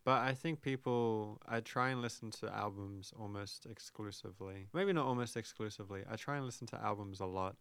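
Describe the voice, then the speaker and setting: Relaxed young man, gravelly and smooth. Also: fairly low pitch, fairly quick, hardly any pauses, no room sound. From Australia, grew up in Brisbane. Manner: relaxed, thoughtful, many fillers. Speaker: musician and DJ guest. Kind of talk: casual interview chat.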